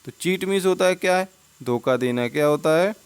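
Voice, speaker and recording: A man's voice: fairly high pitch, a little fast, smooth. A man teaching an English spelling lesson in Hindi over slides, who keeps asking questions and answering them himself and repeats each word.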